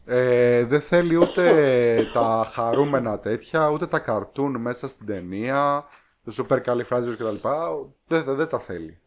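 A man co-hosting a podcast, talking about films and series in a relaxed, unhurried way. He often trails off into fillers while he hunts for the next word. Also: medium pitch. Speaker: podcast co-host. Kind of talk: casual chat reviewing films.

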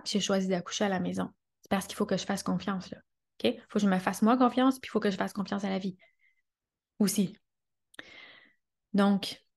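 A woman's voice: medium pitch, creaky, slightly rough. A woman with a Québécois accent hosting a motivational podcast, talking earnestly and emphatically, repeating phrases, checking in with her listeners and laughing often. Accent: Québécois French. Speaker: podcast host and coach.

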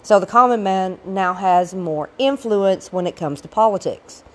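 A woman with a gravelly voice, getting over a cold, giving an informal recorded history lecture as a teacher with explanatory asides. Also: mid-range voice, measured pace.

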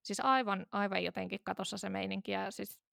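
Very creaky woman in her thirties, chatting. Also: mid-range voice, steady tone, a bit bright, no room sound, studio quality. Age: 30s. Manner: rambling, chatty, with many fillers and restarts. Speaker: podcast co-host. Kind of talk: casual chat.

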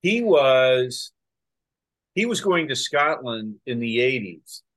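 Golf podcast host guy, excited, keeps restarting sentences, mid-pitched voice. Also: slow. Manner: excited, talks in bursts with many restarts. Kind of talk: casual chat.

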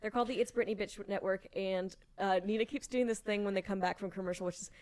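A woman's voice: medium pitch, steady tone, quick pace, a little mellow. A woman chatting casually on a podcast, laughing often and swearing freely. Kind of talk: casual chat.

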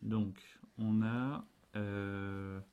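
A man co-hosts a casual family podcast as a parent, speaking patiently, drawing out answers with questions, and sometimes translating English into French. His low-side voice is steady and smooth, with drawn-out words. Through a desk podcast microphone, the audio sounds narrow and tinny.

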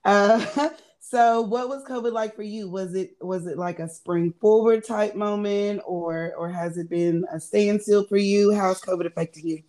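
A woman's voice: medium pitch, fairly even intonation, unhurried, dark tone. Chatty woman interviewer. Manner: chatty and laughing often, stumbles over words. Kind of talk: casual interview.

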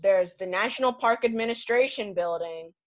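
A woman acting as game master, narrating a tabletop game casually in a halting, improvised way. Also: mid-range voice.

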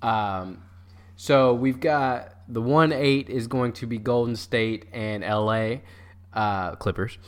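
Man talking sports in a halting, informal way. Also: medium pitch, smooth. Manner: informal, halting, repeats words while thinking. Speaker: sports podcast co-host. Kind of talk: casual sports chat.

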